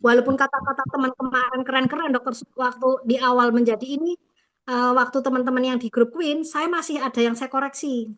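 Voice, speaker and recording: A woman sales trainer coaching her team in an online session, full of lively praise and energetic feedback. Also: sits high, a little fast.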